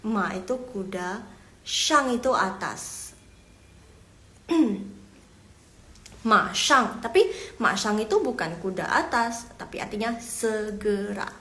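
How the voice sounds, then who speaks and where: A woman's voice: medium pitch, expressive, fairly bright tone. A young woman teaching a casual Mandarin lesson, patiently repeating words and quizzing her class. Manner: explains patiently, repeats words slowly, asks the class questions.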